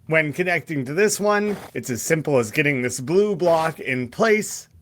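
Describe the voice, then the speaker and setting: A man narrating a scripted game walkthrough, calm and explanatory, step by step. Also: a little high, moderate pace.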